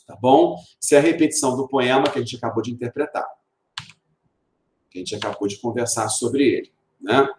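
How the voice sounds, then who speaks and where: A man's voice: mid-range voice, noisy background. Brazilian man teaching in an echoey room. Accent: Brazilian Portuguese. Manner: explanatory, asks rhetorical questions and answers them; reads verse slowly and stresses sounds. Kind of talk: recorded literature video lesson.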